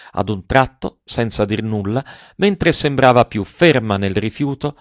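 A man with a lowish voice reads a classic novel in a measured, literary way. The recording is dry, with no room sound, and a little dull at the top. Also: no echo. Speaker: narrator. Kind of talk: audiobook reading of a classic novel.

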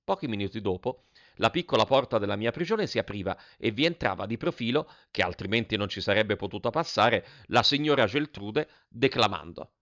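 A man narrating a children's novel in a lively, expressive storytelling manner. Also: on the low side, a little fast.

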